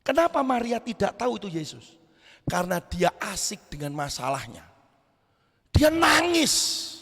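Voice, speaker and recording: High-pitched, gravelly preacher. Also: male voice, unhurried. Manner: lively preaching, swings from shouts to quiet asides. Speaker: pastor. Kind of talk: youth sermon. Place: church hall. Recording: echoey church hall.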